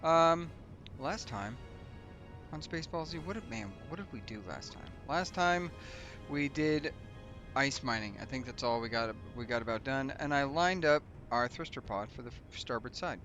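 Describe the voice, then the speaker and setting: A man's voice: medium pitch, animated, moderate pace, fairly bright tone, faint music behind. A man hosting a let's play, rambling in casual gaming commentary, full of loose asides and jokes at his own expense. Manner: rambling and chatty, loose asides and self-mockery.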